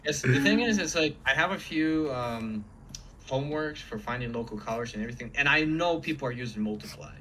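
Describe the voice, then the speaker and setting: A man with a mid-pitched voice chats informally on a livestream. He sounds like an enthusiastic art teacher talking off the cuff, with faint noise behind him. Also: lively intonation, brisk, a bit bright, poor audio. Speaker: painting teacher on a stream. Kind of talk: casual livestream chat. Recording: faint background room noise.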